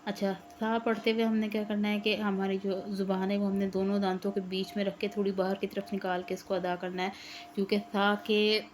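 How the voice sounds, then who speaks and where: A woman, giving a patient online Quran lesson and repeating each letter slowly. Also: mid-range voice, level tone, a little hiss or hum. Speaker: Quran teacher.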